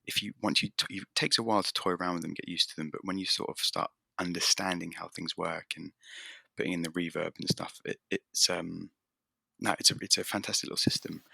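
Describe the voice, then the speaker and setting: Man, very low gravelly voice, rambling casual chat, dry close recording. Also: bright, forceful tone, no room sound. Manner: rambling, self-deprecating, many restarts and laughs. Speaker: podcast guest, game developer. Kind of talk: casual conversation.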